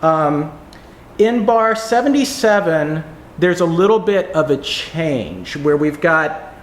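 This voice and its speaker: A man teaching viola technique, explaining and demonstrating passages in a relaxed, pausing way. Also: a little high, slight background noise. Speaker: music teacher. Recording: roomy echo, faint music.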